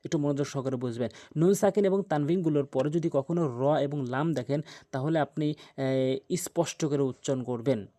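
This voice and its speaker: A man teaching Quran recitation rules, patiently repeating points with hesitation fillers and slowly drawing out the syllables he sounds out. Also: on the high side, warm tone. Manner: slow, drawn-out chanting when sounding out syllables. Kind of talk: tajweed lesson with spelled-out examples.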